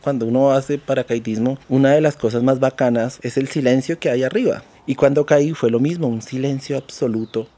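A man's voice: medium pitch, fairly even intonation, fairly quick, hardly any pauses, warm tone. A man with a Colombian accent tells his own story as a survivor, vividly and with plenty of swearing. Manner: vivid, profane retelling. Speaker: interviewee, accident survivor. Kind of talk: personal testimony.

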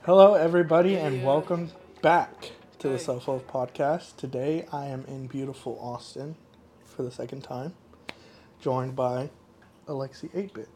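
A man's voice: mid-range voice, normal speed, a little mellow, slight background noise. Laid-back male podcast host. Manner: laid-back, rambling, heavy use of "like". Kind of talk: casual interview chat.

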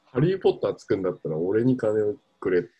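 A young man with a low, mellow voice, rambling through his stories in a casual podcast chat. His pitch leaps and dips all over as he gets animated and laughs at himself. There is a faint hiss of background noise under the recording. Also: quick pace, muffled recording. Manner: rambling, animated storytelling with self-mocking laughs. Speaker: podcast co-host.

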